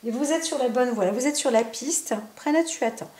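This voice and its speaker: A woman's voice: high voice, fairly quick, a little mellow, echoey room, slight background noise. A woman giving a spontaneous oracle card reading at home, talking straight to the viewer with many fillers and tag questions. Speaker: psychic card reader.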